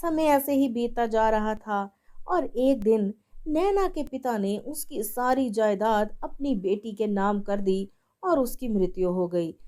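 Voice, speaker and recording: A woman's voice: a little high, mellow. A woman narrating a scripted moral tale as a storyteller.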